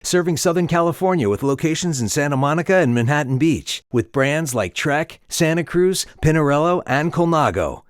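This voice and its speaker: A man's voice: on the high side, lively intonation, normal speed, hardly any pauses, smooth, no echo. Man reading a sponsor ad, dry. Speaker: sponsor announcer. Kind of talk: read ad.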